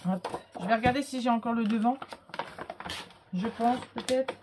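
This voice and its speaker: A woman's voice: fairly high pitch, normal speed, background noise. A woman with a cold presenting a handmade album in a casual show-and-tell, hesitant and full of fillers. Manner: hesitant, full of fillers and little "hop" interjections. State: has a cold.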